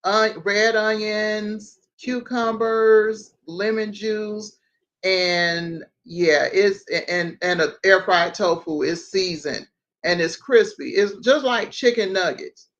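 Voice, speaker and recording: A woman hosts a relaxed livestream chat over a video call, running through one item after another at an easy pace. Her voice sits mid-range. The audio is dull and lo-fi. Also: medium pitch, slow. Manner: chatty, lists things at an easy pace. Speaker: host.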